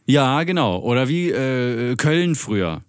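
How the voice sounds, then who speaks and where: A man's voice: medium pitch, big pitch swings, unhurried, no echo, studio quality. A man from Germany chatting casually as a podcast co-host, rambling, losing his thread and joking crudely. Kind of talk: casual chat.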